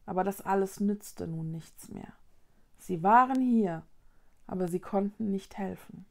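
A woman reading a children's storybook aloud in a calm, soft and measured way. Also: medium pitch, creaky. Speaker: storybook reader.

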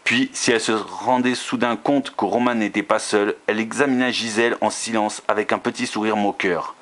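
A man reading a romance novel aloud, steady, with occasional slips and restarts. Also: fairly low pitch, moderate pace.

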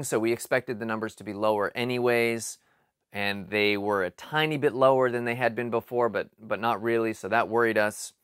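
A man in his forties talks through a home project in an easy, unscripted way, pausing with ums and restarting his sentences. His voice sits at an ordinary middle pitch. The sound is dry and close, picked up by a camera in a cluttered basement. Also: clear, resonant tone, dry recording. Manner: relaxed, thinking aloud with frequent ums and restarts. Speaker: home improvement vlogger. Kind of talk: casual explanatory vlog. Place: cluttered basement storage area.

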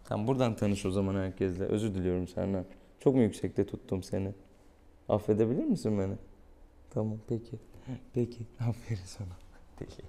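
A man with a fairly low, mellow voice talks a little fast as a veterinarian presenting a clinic video. In a small exam room he chats casually and playfully with a pet and viewers, affectionately teasing his animal patient. Room noise is clearly audible in the background.

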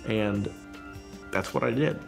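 A man with a low, gravelly voice tells his story in an interview, slowly and with care, as if still finding the words. Clear music plays under him. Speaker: interviewee, former arcade gamer. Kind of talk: reflective interview recollection.

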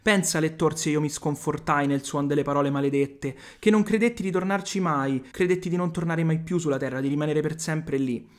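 A man's voice: a little high, fairly even intonation, fairly quick, hardly any pauses. A man with an Italian accent giving a video lesson, reading old verses aloud and paraphrasing them plainly. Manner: reads verses then explains them plainly. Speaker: literature teacher.

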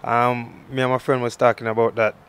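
A man's voice: medium pitch, little pitch movement, a little fast, a bit bright. A young man from Jamaica, a soccer player, giving brief, plain answers in an interview on an outdoor field. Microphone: handheld mic held by interviewer.

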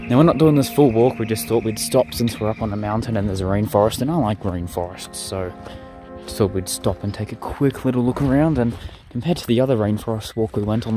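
A man's voice: fairly low pitch, a little fast, music in the background. A young man, chatting in an easygoing, rambling way as he narrates his vlog and comments on a bushwalk. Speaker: vlogger.

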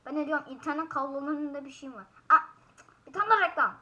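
A woman giving casual gameplay commentary as a YouTuber, frustrated and swearing loudly at the game. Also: high voice, fast. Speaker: gaming YouTuber. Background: loud game music.

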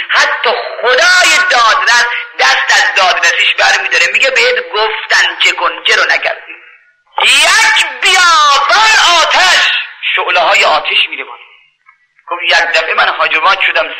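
A man's voice: creaky, sharp tone, rough recording. A man from Iran preaching a sermon, telling a story with passion and acting out its voices. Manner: impassioned, swings pitch to act out story voices.

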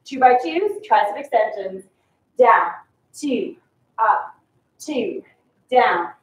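A woman's voice: on the high side, expressive, slow pace. A young woman working as an aerobics instructor, calling out clipped, encouraging counts and cues while she exercises. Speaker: fitness instructor. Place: small concrete-walled basement home gym. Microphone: far camera across the room. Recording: roomy, distant, slightly dull camera sound.

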